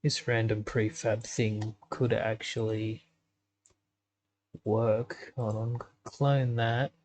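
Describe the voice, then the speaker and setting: A man's voice: on the low side, little pitch movement, slow pace, darkish tone. A man giving casual commentary while editing a game map, thinking aloud with lots of ums. He has the hiccups. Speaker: gaming YouTuber.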